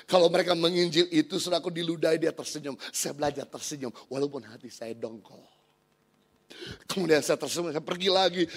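A middle-aged man from Indonesia preaching a sermon, his voice sitting high for a man. He tells his stories in a low, hushed tone, then rises to loud, emphatic declarations. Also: breathy edge. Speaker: pastor.

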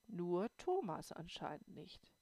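Low-voiced woman reading a story. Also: big pitch swings, slow pace, vocal fry, mellow, no room sound. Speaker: audiobook narrator. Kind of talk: scripted narration.

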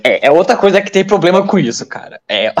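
Lively man telling a story. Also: high voice, quick pace. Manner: lively, animated, plays out the dialogue he retells; many fillers and restarts. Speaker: interview guest. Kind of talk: casual storytelling in an interview.

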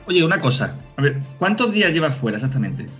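A man's voice: a little high, sing-song, fast talker, fairly bright tone, lo-fi sound, faint music behind. Curious Spanish man asking questions. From Spain. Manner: curious, asks many questions. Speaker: host. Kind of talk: casual interview chat.

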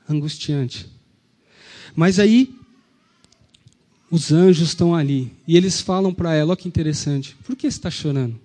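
In a slightly high, warm voice, a man with a Brazilian Portuguese accent delivers an Easter sermon as pastor. He recounts the story and asks his listeners rhetorical questions.

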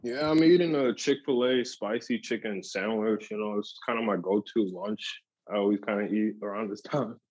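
A young man speaking as a podcast guest in casual chat, relaxed and full of "like" and "um". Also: lowish voice, moderate pace, few pauses, no echo. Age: young adult. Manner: relaxed, lots of "like" and "um". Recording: dull lo-fi dry sound.

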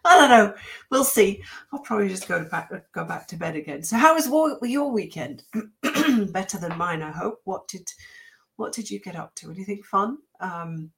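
A woman hosting a livestream, sick and a little squeaky-voiced, chatting casually with many fillers, restarts and small laughs. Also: animated, moderate pace, gravelly, a bit bright. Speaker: host. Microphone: webcam or computer mic.

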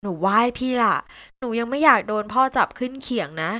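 A woman's voice: a little high, steady tone, a little slow, bright, forceful tone. A woman voicing an anxious young female university freshman who pleads in a flustered, slightly raised voice. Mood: pleading.

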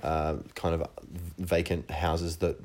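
Low-voiced young man, hesitant. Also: flat delivery, slow pace, a little mellow. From northern New South Wales, Australia. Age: young adult. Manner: hesitant, many restarts and fillers, laughs easily. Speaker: musician guest. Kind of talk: casual interview chat.

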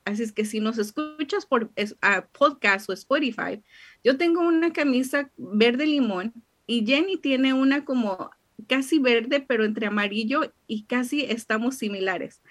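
A podcast host with a fairly high, slightly bright voice interviews a guest. She introduces them with effusive, heartfelt warmth.

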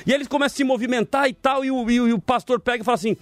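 High-voiced, fast-talking pastor host. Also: male voice, dry recording. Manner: animated storyteller, emphatic and exhorting. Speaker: pastor and debate show host. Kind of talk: preaching-style talk show commentary.

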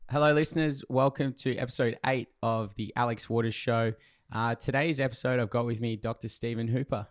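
A man with a steady, mid-range voice talks briskly while hosting his podcast. It's a casual intro and interview, and he's chatty and eager, using many fillers, with his voice still recovering from laryngitis.

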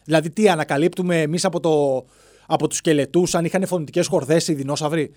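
A man's voice: on the high side, fairly even intonation, darkish tone, no echo. A man hosting a solo comedic podcast, rambling playfully from one bit to the next and slipping into silly voices, alone in a studio. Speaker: podcast host.

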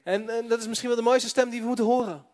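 A man interpreting a sermon live, phrase by phrase, quickly following the preacher. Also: very high-pitched, steady tone, darkish tone.

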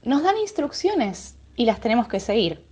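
A woman's voice: on the high side, big pitch swings, moderate pace, darkish tone, husky. A woman acting a bureaucratic clerk who follows instructions, formal, evasive and politely dismissive. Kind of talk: radio sketch acting.

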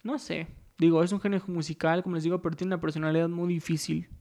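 A man talks through a casual solo podcast episode, wandering through his points with plenty of fillers. His fairly high voice has a gravelly, fry-laden edge, yet it stays smooth and resonant. He keeps a flat, even pitch throughout. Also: fast talker. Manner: rambling, loose, with many fillers and restarts. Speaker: podcast host.

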